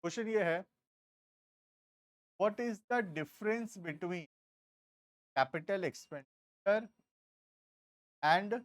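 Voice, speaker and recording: A man with an Indian accent teaching a commerce class, explaining slowly and stopping to check that students follow. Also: high voice, no echo, clean studio sound. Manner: explains slowly, asks checking questions, drawls key terms. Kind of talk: classroom lecture.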